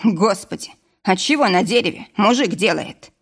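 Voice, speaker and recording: Woman doing a gruff grumpy forester. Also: medium pitch, expressive, moderate pace. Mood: grumbling. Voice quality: rough. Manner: scolding, blunt. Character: gruff bearded middle-aged male forester, grumpy.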